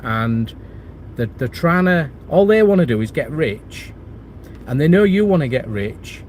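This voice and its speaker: Reading viewer comments on his property channel's livestream, a middle-aged man with a cold and chest infection rambles casually, full of fillers and restarts. His voice is on the high side with big pitch swings, a little slow and a little mellow, over slight background noise.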